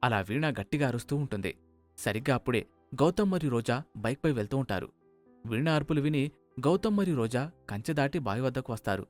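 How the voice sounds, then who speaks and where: A man narrating a scripted cartoon moral story in a steady, even manner. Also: medium pitch, a little fast, soft background music.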